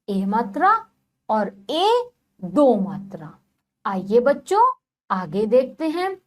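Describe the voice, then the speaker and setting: A woman teacher giving a children's phonics lesson, patient and repeating each step slowly. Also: high voice.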